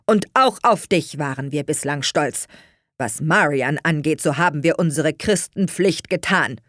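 A woman's voice: low voice, unhurried, a bit bright, dry recording, clean studio sound. A woman voicing a stern, proud, scornful wealthy father in an audiobook reading, harsh and scolding.

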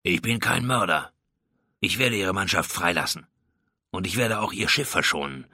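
A man's voice: deep voice, bright, forceful tone, breathy edge, no echo, clean studio sound, heavily acted. A man doing Captain Drake, a commanding pirate. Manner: barks orders, self-assured. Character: bold male English pirate captain, commanding.

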